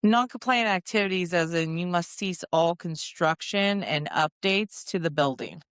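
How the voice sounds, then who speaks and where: A woman's voice: lowish voice, normal speed, clear, resonant tone, dry recording, studio quality. A woman playing a tabletop game in character, officious and careful. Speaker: player. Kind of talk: in-character tabletop role-play.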